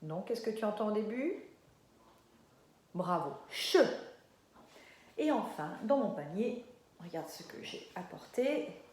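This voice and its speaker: A woman teacher leading a lesson for young children, stretching words slowly and praising often. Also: medium pitch, expressive, mellow, roomy sound. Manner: slow, drawn-out syllables, encouraging.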